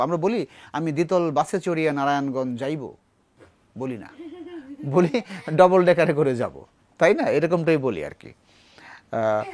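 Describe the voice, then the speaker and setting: A man's voice: fairly high pitch, dry recording. A man teaching a recitation class, explaining words and quizzing his students. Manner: explanatory, asks students questions, recites verse slowly. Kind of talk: classroom lesson.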